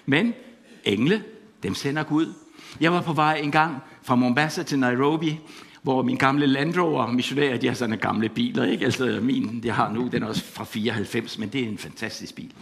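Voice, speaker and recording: A middle-aged man preaching a sermon, passionate and full of repeated exclamations, telling stories from his life. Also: mid-range voice. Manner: impassioned, repetitive exclamations; storytelling with laughter.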